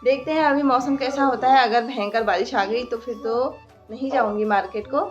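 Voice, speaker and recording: A woman's voice: a little high, moderate pace, highs cut off, faint music behind. A young woman with a light lilt, chatting casually through a daily vlog at home and talking to her toddler now and then. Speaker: vlogger and mother. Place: indoors in a rented room.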